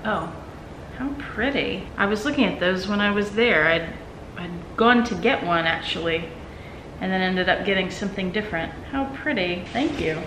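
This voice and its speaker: A woman hosts a home vlog, chatting casually while gifts get opened in a roomy indoor space. She has a medium-pitched voice with lively intonation and a moderate pace. The recording echoes noticeably and has clear background noise.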